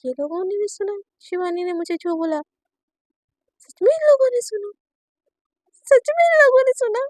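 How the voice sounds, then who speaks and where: A woman's voice: extremely high pitch, brisk, dry recording. Woman voicing a whiny, dramatic young woman. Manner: loud, whiny, melodramatic.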